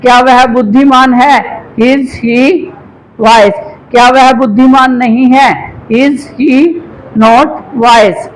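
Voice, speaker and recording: A man's voice: extremely high pitch, fairly even intonation, drawn-out words, low-quality recording. A man teaching English grammar to a classroom of students in Hindi with a Haryanvi accent, coaching them patiently and calling them "beta". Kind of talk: classroom lesson.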